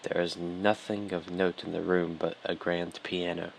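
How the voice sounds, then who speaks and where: A man's voice: low-pitched, level tone, unhurried, vocal fry, very noisy. A man hosting a let's play, reading the game text aloud in an offhand, dry way, stumbling over lines, with game music behind.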